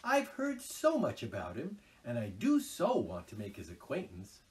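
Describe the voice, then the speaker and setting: A man voicing an eager, mild-mannered young male mole with a soft, polite way of talking. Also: medium pitch, wildly swooping pitch, normal speed, far from the mic.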